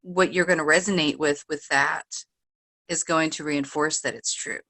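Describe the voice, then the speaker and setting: Affirming low-voiced woman co-host. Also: fairly even intonation, normal speed, dry recording. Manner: affirming, thoughtful, with soft laughs and fillers. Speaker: podcast co-host, healer. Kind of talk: casual spiritual conversation.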